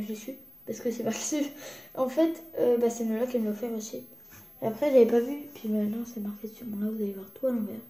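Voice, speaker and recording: A young woman from France chats through a casual show-and-tell vlog, excitable and slipping now and then into whispers. Her voice sits fairly high with a mellow tone. The room around her is echoey. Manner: chatty, excitable, drops into whispers. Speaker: vlogger.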